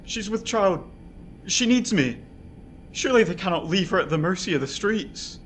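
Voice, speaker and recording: A desperate young husband in a cell, pleading and crying out that he is innocent, as a man acts him. His voice sits high for a man, and a faint hiss runs under it. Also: animated, moderate pace, a bit bright. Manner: pleading, anguished, breaking into outbursts. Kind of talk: audio drama acting. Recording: faint background noise.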